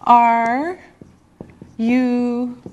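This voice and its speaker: A woman's voice: on the high side, steady tone, extremely slow, dull audio. A woman teaching a beginner language lesson, speaking with careful enunciation and repetitive drilling. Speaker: English teacher.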